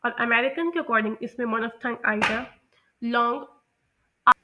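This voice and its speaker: Bright-voiced woman teaching pronunciation. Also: a little high. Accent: Pakistani. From Pakistan. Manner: patient, repeats and corrects herself. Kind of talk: explanatory lesson, mixing Hindi-Urdu with English.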